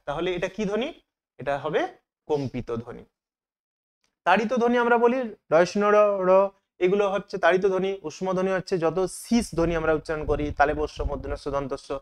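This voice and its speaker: A man teaching as he works through exam questions, asking each question aloud and then answering it himself. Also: a little high. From Bengal.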